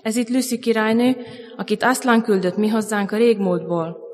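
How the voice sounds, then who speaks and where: A woman's voice: medium pitch, steady tone, a little mellow, lightly acted. A woman reading the lines of a proud, stern young king in a storybook passage. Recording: long church reverb.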